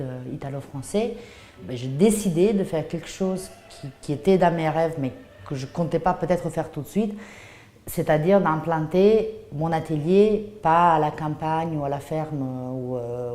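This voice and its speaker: An artisan cheesemaker and shop founder in her thirties, originally from Puglia in southern Italy, explains her craft in a personal interview, speaking with an Italian accent and thinking aloud hesitantly. Her voice sits low and has a warm tone, with a roomy sound to the recording.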